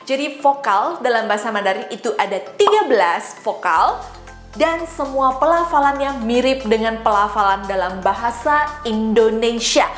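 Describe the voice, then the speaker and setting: A woman teaching a language lesson, demonstrating sounds and tones slowly and carefully. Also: fairly high pitch, animated, reverberant, faint music behind. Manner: slow, careful, exaggerated tone demonstrations. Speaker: Mandarin teacher.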